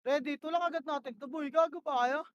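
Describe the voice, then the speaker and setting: A woman with a very high, piercing voice runs her team's plays in a tactical shooter. She snaps out short commands again and again and curses when the team lags. Her headset sound is dry and close. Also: fairly quick, no room sound, dull audio. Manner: barks short repeated commands, swears when frustrated. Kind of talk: rapid in-game voice comms.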